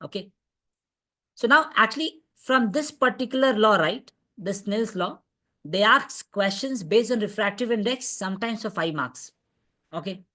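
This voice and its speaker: This is a female physics teacher with an Indian accent leading an online revision class over a video call. Her voice is medium-pitched, animated and fairly bright, at a normal speed, and she repeats key points and regularly checks understanding.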